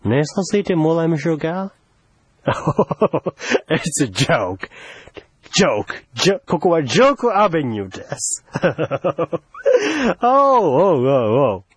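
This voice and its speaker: A man's voice: fairly high pitch, big pitch swings, slow pace, breathy edge, dry recording, exaggerated voice. A man playing a pushy, teasing older foreign envoy in a solo comedy sketch, wheedling in broken Japanese with English phrases.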